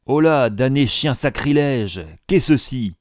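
A man voicing a stern, commanding gentleman who barks sharp, exasperated questions. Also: lowish voice, animated, moderate pace, dry recording, clean studio sound.

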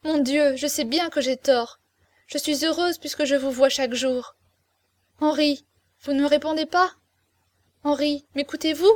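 An imploring young woman, tender and close to tears, as a woman reader puts her on, her voice lifting higher as she pleads. The reading is dry and close, with no room around it, in the manner of a storybook told aloud. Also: normal speed, darkish tone, no room sound, close to an everyday voice. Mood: pleading. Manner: emotional, imploring, tearful. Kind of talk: audiobook character reading.

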